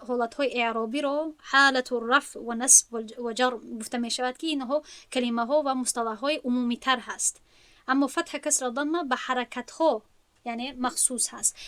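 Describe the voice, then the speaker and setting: A woman with a Tajik accent and a high, bright voice teaches a grammar class. She talks patiently, taking each point step by step and going back over the terms. The recording is dry and close, with no echo. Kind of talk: online lesson.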